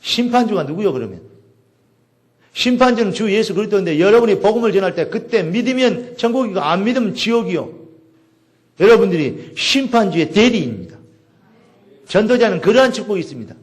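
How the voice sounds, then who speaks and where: A man preaching a sermon in a chatty, animated way, acting out little exchanges with people. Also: sits high, a little fast. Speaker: pastor.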